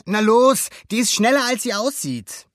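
A man's voice: fairly high pitch, very animated, slow pace, dry recording, clean studio sound, voice pushed up, exaggerated voice. A man reading a storybook aloud, voicing a cocky, adventurous boy who talks in a brash, bossy, eager way.

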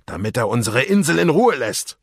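A gruff, booming pirate captain, played by a man in a storybook reading, rallying his crew with loud rousing speeches. The voice sits higher and louder than the reader's own and keeps a husky grain. It swings freely in pitch as he declaims. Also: big pitch swings, normal speed, dry recording, clean studio sound, full character voice. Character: gruff bold middle-aged male pirate captain.

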